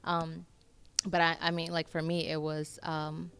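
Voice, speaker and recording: A woman's voice: low voice, completely flat delivery, a little slow, fairly bright tone, clean tone. A woman hosting a casual faith podcast chat, leading the talk and inviting the others to share.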